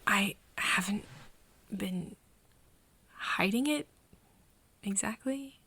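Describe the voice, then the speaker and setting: Here the same kind of intimate scripted ASMR acting features a woman as a nervous, caring young woman opening up to her vampire friend, anxious and confessional. She speaks softly at a medium pitch, animated and exaggerated, halting with pauses and sighs and drifting into breathy whispers. A close microphone in a dry room leaves no echo.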